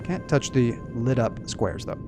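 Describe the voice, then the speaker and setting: A game streamer muses aloud and explains the game's music as he plays, in a casual, expressive mid-range voice at a measured pace. Video game music plays behind him.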